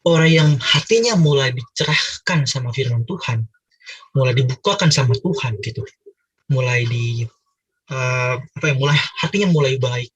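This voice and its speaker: A man's voice: medium pitch, breathy edge, distant mic, muffled recording. A man from Manado leading a casual Bible discussion for a cell group, chatty and teasing with many fillers.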